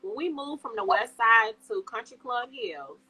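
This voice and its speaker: A woman from Chicago co-hosting a podcast in casual chat, animated and slangy, laughing often. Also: a little high, moderate pace, breathy edge, poor audio. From Chicago, USA. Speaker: podcast co-host.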